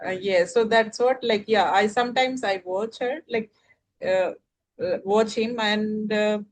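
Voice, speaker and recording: A woman's voice: medium pitch, unhurried, rough recording. Hesitant woman with an Indian accent. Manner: hesitant, many fillers and restarts. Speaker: English learner guest. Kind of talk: casual conversation practice.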